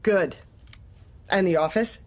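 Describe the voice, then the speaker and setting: In a dark comedy audio drama, an actress with a lowish voice plays a heartless, manipulative office manager. She speaks deliberately and probingly, with polite menace and a falsely pleasant mood.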